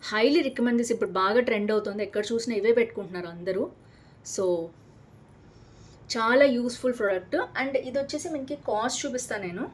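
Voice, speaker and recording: Fast-talking chatty Telugu woman vlogger. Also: a little high, a little hiss or hum. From Hyderabad, India. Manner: chatty, enthusiastic, mixes English words into Telugu. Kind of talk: casual product unboxing vlog.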